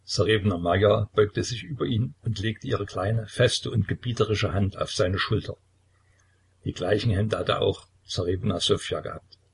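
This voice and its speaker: A man reading a novel aloud as an audiobook narrator, in measured, even storytelling. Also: fairly low pitch, vocal fry, slightly rough. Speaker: audiobook reader. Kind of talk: scripted narration.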